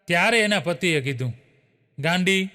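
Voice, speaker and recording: A man rattles off short jokes in a high, bright voice. He chuckles often as he goes and tags his lines with a filler. His voice rings with a long hall reverb. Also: lively intonation, normal speed, a little hiss or hum. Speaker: joke teller. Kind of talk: telling a string of short jokes.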